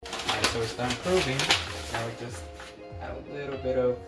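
A young adult vlogger rambles goofily and pokes fun at himself while cooking in his home kitchen for a casual cooking vlog. His voice is medium-pitched, steady and moderately paced. Someone holds the camera a few steps away, so the sound is distant and echoey, with loud music playing behind.

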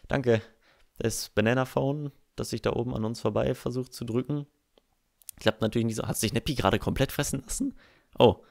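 A young German man hosts a let's play, narrating his game in casual, rambling commentary. He swears freely and pokes fun at himself. His voice sits at an ordinary male pitch with a gravelly, creaky texture.

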